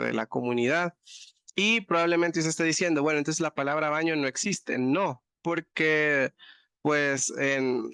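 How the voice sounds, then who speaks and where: A man's voice: a little high, fairly bright tone, clean tone, no room sound, studio quality. A man teaching a language class, explaining words patiently and often checking that students follow. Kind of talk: online class teaching vocabulary.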